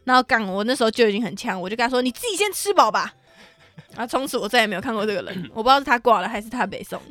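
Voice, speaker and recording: A young woman with a Taiwanese Mandarin accent co-hosting a podcast. She chats casually, laughs often and drops swear words while telling animated stories. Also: a little high, rapid-fire. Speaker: podcast co-host. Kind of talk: casual chat.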